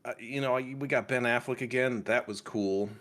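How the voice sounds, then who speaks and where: A man reviewing a movie in casual chat on a livestream, rambling with lots of restarts and sudden animated outbursts. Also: mid-range voice, normal speed.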